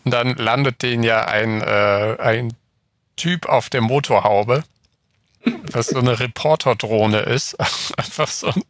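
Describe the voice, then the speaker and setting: A man talking casually with friends, recapping an episode and pausing often with fillers. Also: mid-range voice, a bit bright, dry recording. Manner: hesitant, restarts with fillers.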